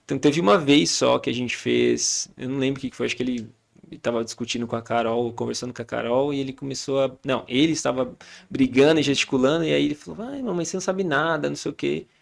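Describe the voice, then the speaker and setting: A man's voice: mid-range voice, steady tone, fast, vocal fry. A man in his thirties with a Brazilian Portuguese accent, a podcast guest telling stories about raising his kids and acting out the family's back-and-forth. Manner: storytelling, acting out family dialogue. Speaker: podcast guest, father and church leader. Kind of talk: casual chat.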